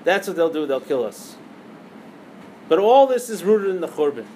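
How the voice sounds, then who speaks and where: A man's voice: fairly high pitch, big pitch swings, normal speed, warm tone, slight background noise, poor audio. A man teaching a lesson on liturgical poems, telling a parable with rhetorical questions and many Hebrew terms. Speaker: Torah teacher.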